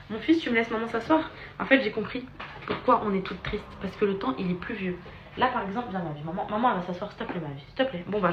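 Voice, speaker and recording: A woman's voice: medium pitch, background noise. Chatty young woman vlogging at home. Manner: chatty, switches into sing-song baby talk. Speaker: influencer filming her daily story. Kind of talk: casual vlog chat with baby talk to her children. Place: home, indoors.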